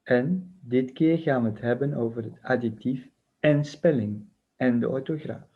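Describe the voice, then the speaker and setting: A man's voice: mid-range voice, measured pace, slightly rough. A man teaching a recorded grammar lesson, patiently spelling out letters and rules one by one. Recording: muffled lo-fi recording.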